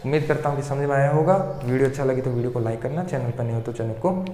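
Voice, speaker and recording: A man's voice: mid-range voice, very fast, mellow, a little hiss or hum. A male science teacher explains a lesson, asking his students questions and answering them himself while repeating key terms. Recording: echoey room with long reverb.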